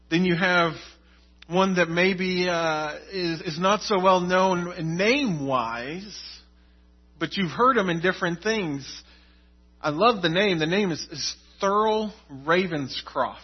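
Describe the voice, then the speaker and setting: Man, pastor, conversational sermon, slightly dull recording. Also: high-pitched. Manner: conversational preaching with repeated words for emphasis.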